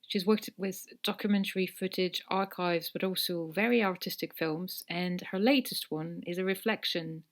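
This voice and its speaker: Woman co-host, somewhat low pitch, enthusiastic presenter. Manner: enthusiastic, explanatory. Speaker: podcast co-host and interviewer. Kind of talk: podcast presenting.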